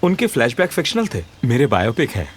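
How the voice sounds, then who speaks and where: A pleading young son. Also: male voice, medium pitch, a little fast, slightly rough. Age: young adult. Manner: pleading, lively. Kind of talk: Hindi film dub. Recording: dubbed film with music underneath.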